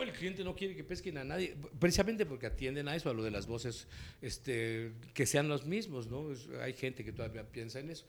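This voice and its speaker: Animated Mexican man telling stories. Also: a little high. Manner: animated storyteller, acts out quotes, laughs often. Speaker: voice actor and dubbing director. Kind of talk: relaxed interview storytelling.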